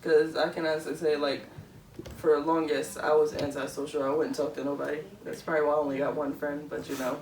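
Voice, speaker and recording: A Philadelphia woman in her twenties co-hosts a podcast, chatting casually and rambling with plenty of fillers. Her low, darkish voice moves fast with little change in pitch, and the mic sits far off in an echoey room with faint noise.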